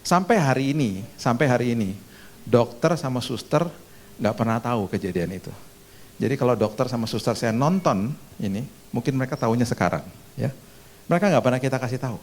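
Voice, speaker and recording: A middle-aged man preaches a sermon built around a personal testimony. His delivery swings widely, casual chat one moment and sharp, high bursts the next as he voices the people in his story. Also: fairly quick, a little hiss or hum. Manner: animated storytelling, voicing himself and others with sudden loud high bursts. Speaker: pastor.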